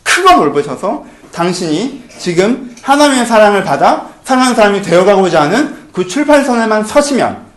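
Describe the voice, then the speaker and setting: A male pastor delivers a sermon in a quick, high-pitched voice that rises and falls widely. He keeps asking his congregation rhetorical questions, dropping to a hush and then pressing hard. The recording carries the echo of a large church room. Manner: rhetorical questions to the congregation, shifting between hushed and emphatic.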